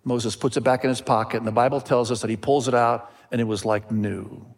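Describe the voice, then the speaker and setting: A middle-aged man who was brought up in Indonesia serves as pastor, preaching a sermon to his church with a medium-pitched voice and a steady, brisk delivery. He is earnest, repeating phrases often and calling out to the congregation.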